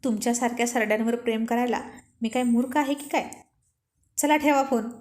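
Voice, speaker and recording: Brief: teasing, bossy young man, blunt banter, slightly high voice, echoey room, read by a woman storyteller. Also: fairly quick, a little mellow, lightly acted. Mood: joking.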